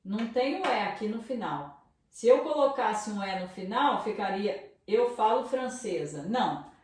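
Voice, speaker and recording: A woman teaching beginners French, speaking slowly and clearly, repeating each word and often checking that students follow. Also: mid-range voice, lively intonation, darkish tone. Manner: slow, clear repetition with frequent "tá?" checks. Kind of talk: beginner language lesson. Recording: very echoey room, voice from a distance.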